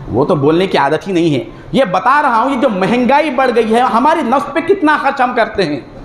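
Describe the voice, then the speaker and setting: Male preacher, very high voice, exhorting with rhetorical questions; echoey mosque hall, faint noise. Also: animated, normal speed. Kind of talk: religious sermon.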